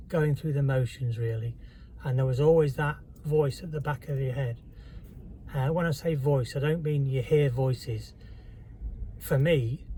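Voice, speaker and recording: A man telling a personal story to camera in a halting, candid, reflective way. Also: medium pitch, mellow, slight background noise, rough recording. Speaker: vlogger.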